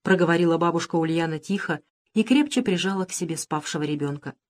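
Woman reading a story aloud. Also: on the low side. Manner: steady, measured storytelling. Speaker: audiobook narrator. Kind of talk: scripted narration.

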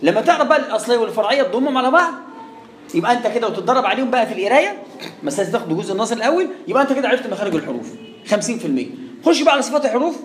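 Fast-talking Egyptian man teaching in an echoey room. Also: very high voice. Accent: Egyptian Arabic. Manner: asks and answers his own questions, drawing out sounds to demonstrate. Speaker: Quran recitation teacher. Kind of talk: classroom lesson on recitation rules. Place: classroom with students. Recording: echoey room with faint background hum.

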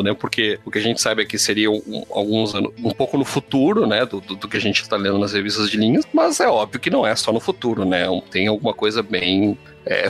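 A man co-hosting a casual comics podcast, animated and quick to laugh, tagging his points with little questions. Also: on the low side. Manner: animated, laughs easily, lots of "né?". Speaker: podcast co-host.

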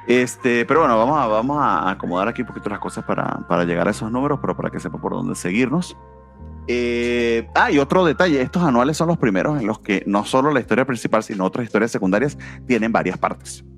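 A man co-hosting a casual comics podcast, rambling and filling pauses with hesitations. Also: mid-range voice, a bit bright, soft background music. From not from Mexico, now naturalizing. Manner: rambling, many "este" fillers. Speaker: podcast co-host. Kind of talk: casual chat about comics.

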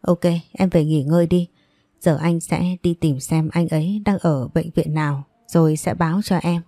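A woman narrator voicing a calm young man who tries to soothe a friend. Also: sits low, moderate pace, no room sound, clean studio sound. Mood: soothing.

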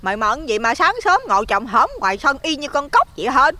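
A man's voice: extremely high pitch, big pitch swings, a little fast, pushed and bright, voice pushed up, full character voice. Man voicing a gossipy old village woman. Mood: nosy. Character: gossipy plump village woman in her sixties, loud, nosy.

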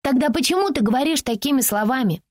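A woman's voice: sits high, expressive, quick pace, dry recording, studio quality, voice pushed up. A woman reading an audiobook voices a five-year-old neighbour girl who taunts in blunt, slangy speech. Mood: taunting. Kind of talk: audiobook character voicing.

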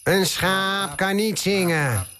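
Male actor as a dim sheep for a radio sketch, slow deadpan drone. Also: sits high, a crowd in the background. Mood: droning deadpan. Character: dim, self-mocking talking sheep.

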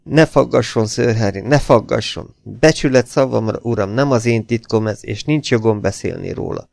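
A man's voice: medium pitch, gravelly, darkish tone, dry recording, voice pushed up, natural voice. A man reading an audiobook, voicing an older male butler who answers nervously and evasively. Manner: trembling, evasive, stubborn.

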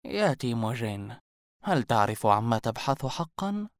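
A man voicing a mysterious old woman hermit, slow and scornful, in a storybook reading. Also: a bass voice, sing-song, no echo, studio quality. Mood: ominous. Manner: slow, mocking, ominous delivery.

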